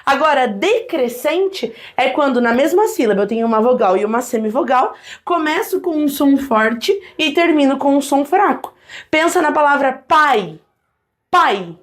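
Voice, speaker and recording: High-voiced woman teaching grammar. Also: normal speed. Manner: lively, addresses viewers directly, models sounds aloud. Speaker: Portuguese teacher. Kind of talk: online grammar lesson.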